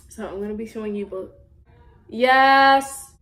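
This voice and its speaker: A young woman in her late teens with a sore throat, chatting casually and softly at home while she eats. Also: a little high, measured pace, faint music behind, poor audio. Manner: talking softly while eating. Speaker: art student vlogger. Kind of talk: casual chat.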